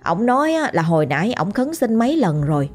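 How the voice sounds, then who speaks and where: A woman's voice: mid-range voice, very animated, fairly quick, a little mellow. A woman with a Southern Vietnamese accent narrating a ghost story in a colloquial, chatty way. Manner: colloquial, conversational telling.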